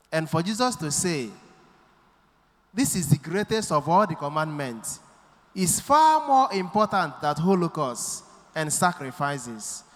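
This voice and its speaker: A priest preaching a sermon into a pulpit microphone in a church, speaking deliberately and quoting scripture. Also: male voice, on the high side. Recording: long church hall reverb.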